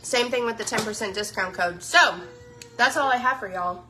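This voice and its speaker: Woman, bright tense voice, somewhat high, casual live-stream chat, gushing and chatty. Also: normal speed, faint music behind. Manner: gushing, chatty, says "y'all". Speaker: social media influencer.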